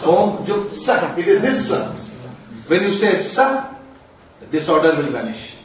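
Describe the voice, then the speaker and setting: A man's voice: sits high, very animated, measured pace. A man with a North Indian accent giving a spiritual lesson in a didactic way, repeating phrases and asking rhetorical questions. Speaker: Vedic astrology and mantra teacher. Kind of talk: spiritual lesson with chanted syllables. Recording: very echoey room, distant mic, faint noise.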